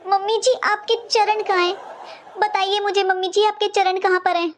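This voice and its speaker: Woman voicing a cartoon daughter-in-law, young, very high-pitched, whiny, pleading, flustered. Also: little pitch movement, moderate pace, a little hiss or hum. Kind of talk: cartoon voice acting.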